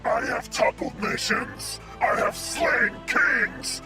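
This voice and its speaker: A man voicing a menacing male cyborg general with a rasping, hissing mechanical voice in a fan audio drama. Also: very high-pitched, huge pitch swings, takes it slowly, over loud music, exaggerated voice. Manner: snarling threats.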